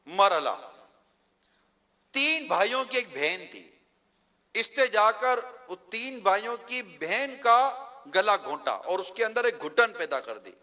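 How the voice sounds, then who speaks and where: A male preacher telling a moral story in a sermon, earnest and drawn out, with slow emphatic endings. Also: sits high, sharp tone, highs cut off.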